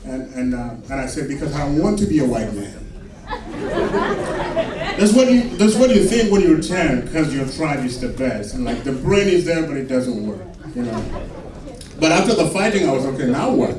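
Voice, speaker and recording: A man from Sudan with a Sudanese accent doing a stand-up comedy set on a club stage, delivering his punchlines slowly and deadpan. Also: medium pitch, far from the mic. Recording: echoey club recorded from afar with laughing crowd. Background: audience laughter.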